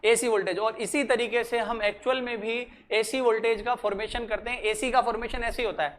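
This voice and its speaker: Physics teacher dictating slowly. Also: mid-range voice, steady tone, a bit bright. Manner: dictates slowly, repeats phrases, quizzes students. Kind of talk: classroom lecture mixing Hindi and English.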